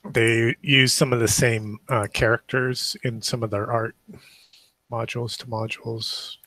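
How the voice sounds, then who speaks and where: A man runs a tabletop game and describes the scene in a relaxed, halting way, with plenty of fillers. His voice is mid-pitched, and the sound is dry and close. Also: dry recording. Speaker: game master.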